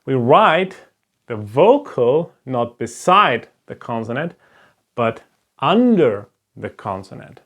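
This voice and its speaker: Speaking slowly and with great animation, a man teaches Hebrew at a board in a patient, step-by-step way, regularly asking "right?". He is a native German speaker with a German accent, and his voice is medium-pitched and fairly bright.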